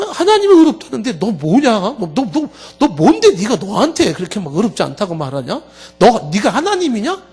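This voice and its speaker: A male pastor preaching a Wednesday sermon, animated and joking, acting out little scenes. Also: sits high, slightly rough. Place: church sanctuary.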